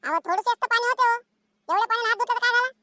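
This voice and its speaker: Woman voicing a squeaky cheeky village son. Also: rapid-fire, bright, forceful tone, no room sound. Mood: talking back. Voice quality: whiny, talking back. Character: lazy cheeky village teenage son, phone-obsessed. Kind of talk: cartoon comedy dialogue.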